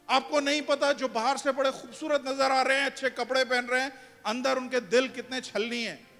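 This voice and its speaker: In a church hall, with reverb and music in the background, a man with a very high, sharp voice preaches a sermon, asking his congregation questions and pressing his points home as their pastor.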